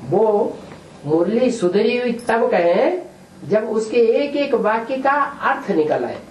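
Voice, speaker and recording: A man's voice: extremely high pitch, sing-song, takes it slowly, darkish tone. A man acting as spiritual teacher, answering questions in a patient explaining manner and often checking with a rhetorical question. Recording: echoey room, distant mic, faint hiss.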